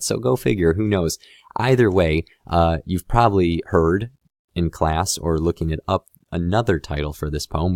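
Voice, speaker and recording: Man, explaining a poem, very deep voice, dry sound, conversational. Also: dry recording. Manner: relaxed, conversational, addresses viewer directly. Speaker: teacher.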